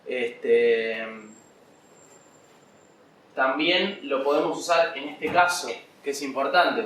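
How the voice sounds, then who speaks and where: A man's voice: fairly high pitch, fairly bright tone, slight background noise. Man lecturing, "¿sí?" checks. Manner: says "¿sí?" often to check understanding; fillers "eh" and "este". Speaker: programming teacher. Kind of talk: lecture on software design. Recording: echoey room, distant mic, faint ambience.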